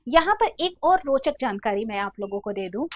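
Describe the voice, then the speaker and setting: A woman teaching a grammar lesson, explaining step by step, slowly sounding out letters one by one and calling her students "beta". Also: fairly high pitch, big pitch swings, dry recording. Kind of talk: classroom lesson.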